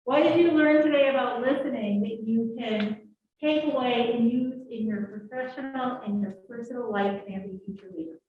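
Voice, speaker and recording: A woman's voice: on the high side, normal speed, slight background noise. A woman instructor leading a live leadership workshop, drawing answers from the audience in a classroom. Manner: lively, coaxing audience answers. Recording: echoey room, distant muffled mic.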